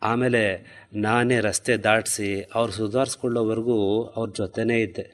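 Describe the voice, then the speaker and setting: A man's voice: on the low side, flat delivery, moderate pace, close to an everyday voice. An actor playing a sleepy office worker in a radio drama, musing to himself and then explaining to his wife. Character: sleepy office-going man remembering a promise.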